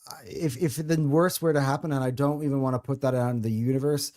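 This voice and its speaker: A man's voice: medium pitch, steady tone, fast, a little mellow. A man hosting a football podcast, talking with passion and rambling through restarts. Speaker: podcast host. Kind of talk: casual football podcast chat.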